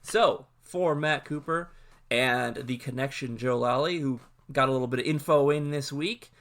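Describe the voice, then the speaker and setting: A man co-hosting a casual podcast, telling stories excitably and enthusiastically, with quick restarts. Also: medium pitch. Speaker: podcast co-host.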